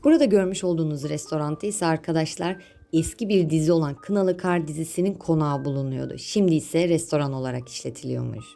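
A woman's voice: deep voice, quick pace, vocal fry, few pauses, mellow. A woman narrating a scripted travel vlog, informative and addressing viewers directly as friends.

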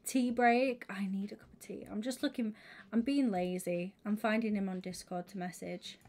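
A young woman chatting casually on her live stream, bubbly and quick to laugh. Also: mid-range voice. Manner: bubbly, laughs often, squeals when excited.

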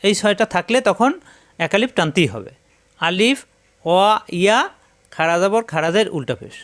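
A man with a high-pitched voice teaches a step-by-step recitation lesson. He speaks patiently and repeats each rule and letter sound over and over so students can memorize them. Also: animated, moderate pace, a bit bright. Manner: patient and repetitive, drilling rules and letter sounds.

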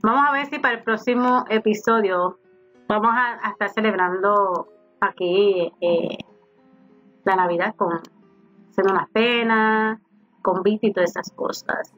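In a slightly dull home recording with faint game music, a woman speaks at a measured pace in a fairly bright, medium-pitched voice. She's a gaming YouTuber doing a casual let's-play, talking to her characters while playing.

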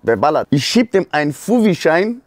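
A man from Germany, telling stories on a livestream in an animated, slang-heavy way. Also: on the high side, moderate pace, no room sound. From Speyer area, southwest Germany. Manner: animated, street slang, frequent "Bruder" and "gell". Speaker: streamer and rapper. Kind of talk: casual livestream storytelling.

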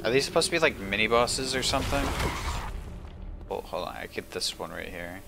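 Low-voiced man, offhand gameplay commentary. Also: animated, a little fast, creaky, noisy background. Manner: offhand, dry humour. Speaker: gaming video host. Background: game music.

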